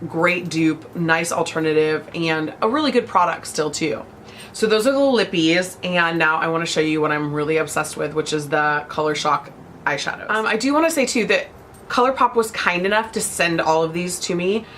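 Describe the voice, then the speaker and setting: Casually chatting on her beauty vlog, a young woman gushes over products, bubbly and full of fillers, her voice a bit congested from a cold. It's fairly low and a bit bright at a moderate pace, with slight hiss or hum.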